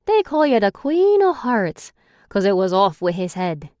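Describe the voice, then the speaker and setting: Here a woman narrator performs an irritable, sarcastic young male captor, gruff and impatient with the woman he's guarding. His raised, scolding lines sit higher than her narration, very animated yet measured, slightly mellow and recorded close and dry. The mood is teasing.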